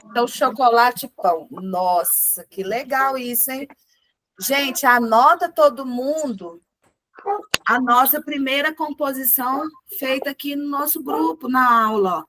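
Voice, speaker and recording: A woman teaching a group music lesson over a video call, encouraging the class and chanting words slowly in rhythm. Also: high-pitched, bright, forceful tone.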